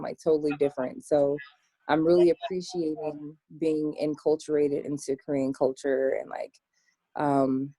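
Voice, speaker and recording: A young American woman answering interview questions in a relaxed chat, with plenty of "um" and "like". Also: deep voice, no room sound. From United States. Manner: chatty, many "um" and "like" fillers. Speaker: interview guest. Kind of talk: casual interview.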